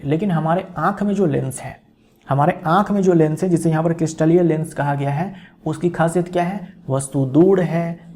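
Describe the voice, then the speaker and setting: Man, exam-prep lecturer; high, gravelly voice; quizzes himself, repeats. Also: darkish tone. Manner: repeats key terms, asks and answers his own questions. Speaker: teacher.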